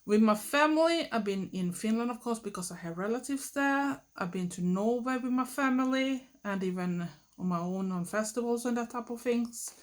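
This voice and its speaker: A middle-aged Swedish woman talks through a get-to-know-me list for her vlog. She speaks slowly and considers each answer, with pauses, fillers and restarts. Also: a little high. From Sweden. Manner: unhurried, thoughtful, many fillers and restarts. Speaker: vlogger. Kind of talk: get-to-know-me tag monologue.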